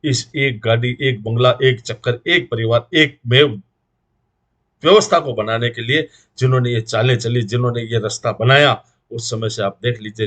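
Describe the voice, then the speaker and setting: A man's voice: lowish voice, a bit bright. A middle-aged man with a Rajasthani Hindi accent, making an earnest moral appeal to the community as a guest speaker, preaching in rhythmic repeated lists. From India.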